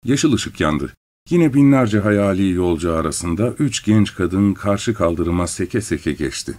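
A man narrating a story in a calm, measured way. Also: sits low.

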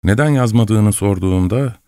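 A man reads an audiobook in a very low, deep voice. His telling is measured and expressive, in the first person. The recording is dry and close, with no room echo. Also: clean tone. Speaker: audiobook narrator. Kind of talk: scripted audiobook narration.

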